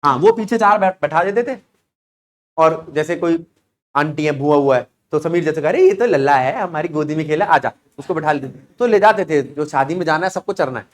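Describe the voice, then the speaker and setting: A man's voice: on the high side, expressive, fairly quick. A young man teaching physics in a classroom, chatty and joking, telling stories and quizzing students by name. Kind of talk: classroom lecture.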